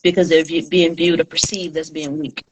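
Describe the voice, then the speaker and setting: A woman's voice: low voice, flat delivery, rough recording. A woman guest in a casual chat, joking and laughing easily. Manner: quick, joking, laughs often.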